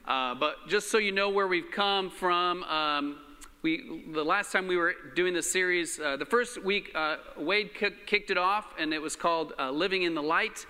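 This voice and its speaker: A man preaching into a pulpit microphone, his voice high and very bright. The church hall around him rings with a long reverb. He talks loosely and haltingly, full of fillers. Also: smooth. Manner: relaxed, halting, with many fillers. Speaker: pastor. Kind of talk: sermon.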